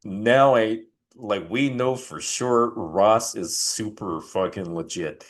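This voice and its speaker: A man's voice: lowish voice, slow pace. A middle-aged man hosting a channel, rambling through casual commentary with lots of swearing and restarts. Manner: rambling, profane, frequent restarts. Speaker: channel host.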